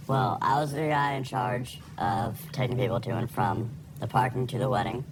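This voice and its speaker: A man's voice: mid-range voice, expressive, moderate pace, noisy background. A man giving courtroom testimony as a witness in an informal, slightly hesitant way. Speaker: witness or litigant in a TV court show.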